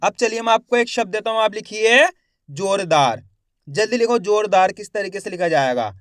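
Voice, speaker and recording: A man teaching Hindi reading, slowly sounding out words syllable by syllable and quizzing his viewers. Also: high voice, expressive, fairly bright tone, no echo, studio quality. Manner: slow, drawn-out syllable by syllable pronunciation; addresses viewers as friends, asks quiz questions. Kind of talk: spelled-out reading lesson.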